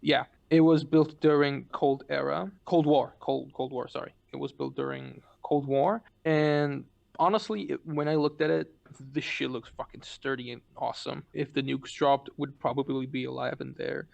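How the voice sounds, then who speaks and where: Gravelly, rambling man telling a story. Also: mid-range voice, fairly even intonation, normal speed, a little mellow, lo-fi sound. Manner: rambling, profane, with frequent restarts. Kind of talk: casual storytime.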